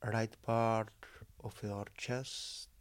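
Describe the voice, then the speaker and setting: A man guiding a relaxation meditation, giving calm, measured instructions in short phrases with long pauses between them. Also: fairly low pitch, clean tone, no echo.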